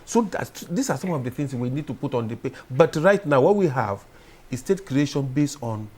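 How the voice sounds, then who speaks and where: A man, a public affairs analyst, speaking as a guest in a TV studio discussion, explaining in a measured way and building to emphatic points. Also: medium pitch, animated, a little mellow.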